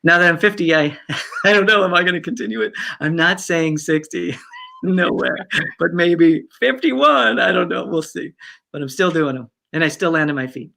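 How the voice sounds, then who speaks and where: A man's voice: a little high, animated, moderate pace, gravelly, bright, forceful tone. A man in his fifties, a guest in an interview, talking in a chatty way with many fillers and restarts and frequent laughter. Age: 50s. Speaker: guest speaker. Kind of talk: casual interview chat.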